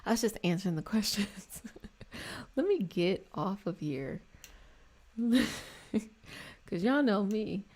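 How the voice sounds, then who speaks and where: This livestream host, an American spiritual healing practitioner from around Washington DC's DMV area, talks slowly and expressively in a mid-range, slightly mellow voice, pausing often. She chats casually and affectionately, explaining and reflecting while calling her audience "y'all" and "babies."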